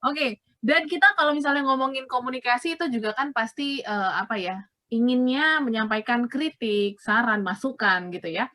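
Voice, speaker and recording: Bright-voiced woman radio host. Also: on the high side, moderate pace. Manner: friendly interviewer prompting guest. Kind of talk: radio talk show hosting.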